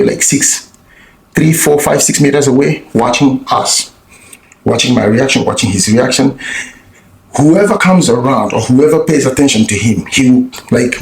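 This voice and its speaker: A man's voice: mid-range voice, creaky, echoey room, poor audio. A man vlogging, telling a story in a blunt, profane way with lots of restarts. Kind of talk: casual storytelling monologue.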